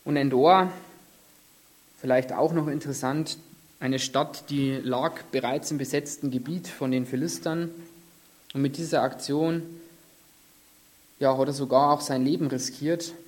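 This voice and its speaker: A man's voice: medium pitch, fairly even intonation, unhurried, pauses often. A man preaching an earnest sermon, reading a Bible passage aloud with emphasis and then explaining it. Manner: earnest, devout, reads scripture aloud with emphasis.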